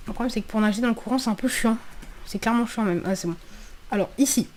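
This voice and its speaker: This gaming video creator's voice is a little high, fast and darkish, with a slight hiss or hum in the audio. Her let's play commentary is casual and slangy, full of free swearing and repeated phrases as she thinks out loud.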